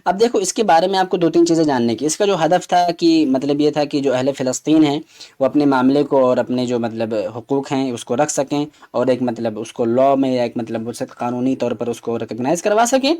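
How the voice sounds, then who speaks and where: A man's voice: medium pitch, fairly even intonation, dark tone. A man teaching an exam preparation lesson, walking through answers and explaining them step by step, with English terms mixed into his talk.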